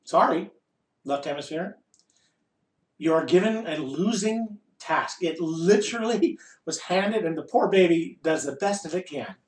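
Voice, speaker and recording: A man giving an informal spiritual discourse to a group, wry and emphatic, pausing deliberately between short phrases and putting rhetorical questions. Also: on the high side, expressive. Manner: wry and playful, asks and answers rhetorical questions. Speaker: spiritual teacher leading a group satsang. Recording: echoey room, voice distant from mic.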